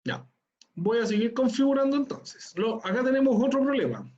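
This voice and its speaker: A man's voice: extremely high pitch, big pitch swings, a little fast, a little mellow, lo-fi sound. A man teaching an online class. He explains things patiently step by step and often checks in with "¿ya?".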